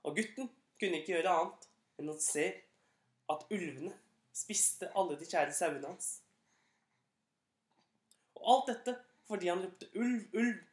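A woman reading a children's fable aloud in an unhurried, gently expressive storytelling manner. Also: lowish voice. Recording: echoey room.

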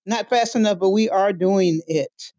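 A woman's voice: mid-range voice, measured pace, dark tone, dry recording. A woman leaving a brief voicemail in an earnest, easygoing way. The phone line is muffled and bone-dry. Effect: voicemail message. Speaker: podcast listener leaving a message. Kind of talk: casual spoken message.

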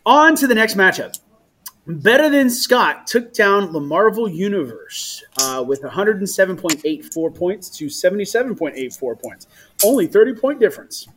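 A man's voice: high-pitched, sing-song, normal speed, fairly bright tone, slight background noise. A man co-hosting a casual fantasy football chat, laughing often and tripping over player names. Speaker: fantasy football podcast co-host.

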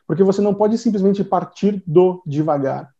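A man's voice: sits high, moderate pace, dark tone. A man teaching in a casual conversation, giving tips in an instructive manner. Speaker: English teacher guest. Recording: dull muffled sound.

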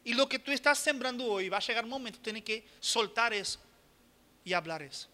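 A man's voice: very high-pitched, expressive, fairly quick. Man pastor preaching, cracks jokes then pushes hard, long hall echo. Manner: joking asides, rising to forceful exhortation. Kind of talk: sermon.

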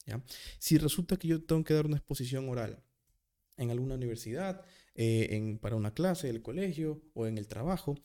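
Mellow-voiced man rambling through a solo podcast. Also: medium pitch, expressive, a little fast. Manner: rambling, self-correcting, with examples; self-described nervous. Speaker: podcast host, psychologist. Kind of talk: casual solo podcast talk.

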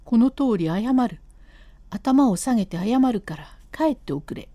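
A woman's voice: animated, a little slow, dark tone, dry recording. A woman voicing an older male master painter who keeps apologizing yet refuses to give in, in a storybook reading of a classic comic tale. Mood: exasperated. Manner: lowered voice, pleading and firm by turns.

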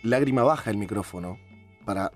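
A man hosting a radio comedy show, teasing the others and trying to calm them down. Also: fairly low pitch, brisk, soft background music. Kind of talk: comedy sketch banter.

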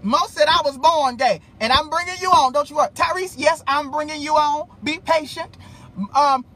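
A woman hosting a live stream, talking in an animated way with preachy asides and frequent laughter. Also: high voice, moderate pace. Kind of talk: casual live-stream talk. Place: hot room in Las Vegas. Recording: noisy live-stream audio.

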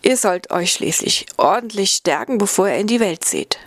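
A kindly old hermit monk, warm-hearted and welcoming, offering guests food and water from his cave, as a woman reads him aloud. The voice is close and dry. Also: medium pitch, expressive, moderate pace, dry recording. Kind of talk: storybook reading.

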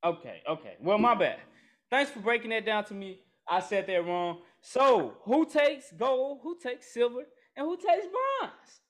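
Casting note: man, high voice, excitable host of a casual sports podcast. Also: measured pace. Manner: excitable, calls out segments.

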